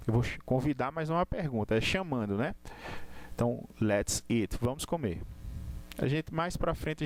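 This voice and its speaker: A man teaching an English class live online, explaining step by step with frequent tag questions and restarts. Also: medium pitch.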